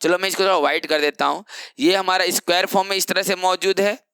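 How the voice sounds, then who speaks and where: A man's voice: high-pitched, steady tone, quick pace, pushed and bright, clean tone, no echo. A young man teaching chemistry in an exam-prep lecture, explaining step by step and asking rhetorical questions that he answers himself.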